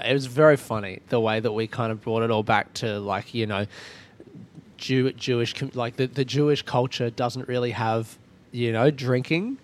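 An Australian man hosting a podcast in a casual, rambling, conversational way, recorded on a boat. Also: mid-range voice. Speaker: podcast host. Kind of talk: casual solo podcast intro. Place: recorded on a ferry at sea. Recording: clear ambient noise aboard a boat. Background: ferry ambience.

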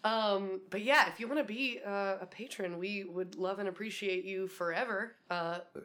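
A woman's voice: medium pitch, moderate pace, noisy background. A young woman from Wisconsin co-hosting a podcast in casual chat, laughing often and swearing freely. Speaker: podcast co-host.

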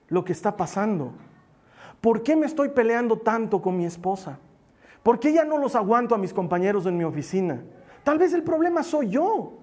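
A male pastor delivers a sermon in an emphatic, animated voice that sits high for a man. He turns playful at times and drops to a quiet plea when he presses a point. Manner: animated, emphatic, often playful with acted asides; drops to soft pleading at key points.

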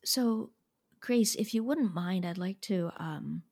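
A woman hosting a conversational interview podcast, speaking haltingly and repeating words for emphasis. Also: mid-range voice, darkish tone. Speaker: podcast host.

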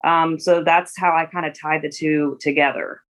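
A woman's voice: deep voice, fairly even intonation, moderate pace. A woman in her forties, a guest in a casual interview, talking in a rambling way with many restarts and fillers. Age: 40s.

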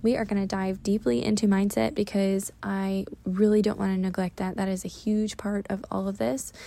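A woman's voice: medium pitch, vocal fry, warm tone. A woman in her thirties hosting a podcast, talking casually and encouragingly in a chatty, informal way. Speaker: podcast host. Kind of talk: casual solo podcast talk with tips. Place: outdoors.

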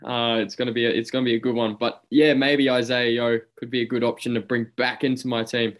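A man's voice: mid-range voice, little pitch movement, quick pace. Blokey Australian man, matey sports host. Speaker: host of a fantasy rugby league show. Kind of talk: casual sports chat.

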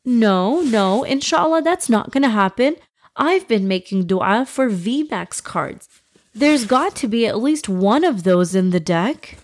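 Eager young boy for children's storybook audio, played by a woman. High, lively, exclamatory, hopeful. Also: a little slow. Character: excitable, hopeful little first-grade boy.

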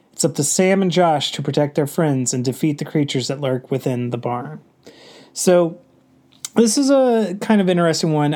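Man, film review host, stuffy with a cold, rambling, fillers, slightly high voice. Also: a little mellow. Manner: rambling, filler-heavy delivery. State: congested with a cold.

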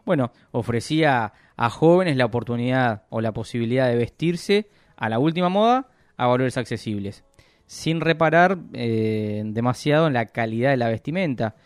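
A man talks through business news in a measured, explanatory way, often pausing and restarting his sentences. His voice sits at an ordinary middle pitch, recorded close and dry with no room sound. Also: expressive, clean tone, no room sound. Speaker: economic analyst guest. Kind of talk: radio interview commentary.

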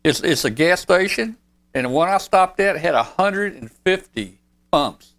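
A man's voice: high-pitched, a little slow. A man, enthusiastically telling stories in a casual group chat as host. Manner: excitable, enthusiastic storyteller.

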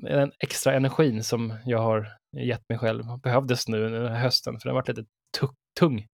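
A male podcast co-host with a gravelly voice, chatting casually. Now and then he stumbles and restarts his words. The sound is close and dry. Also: mid-range voice, steady tone, darkish tone, no echo.

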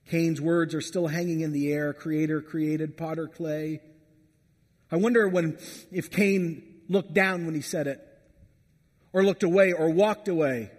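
A man's voice: fairly high pitch, moderate pace. A man preaching a sermon as a pastor, earnest and storytelling. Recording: long hall reverb.

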